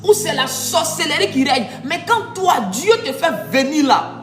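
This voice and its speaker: A woman's voice: high voice, animated, normal speed, a bit bright. A woman preaching a sermon, emphatic, sometimes drawing phrases out in a sung way. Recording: echoey room with music behind.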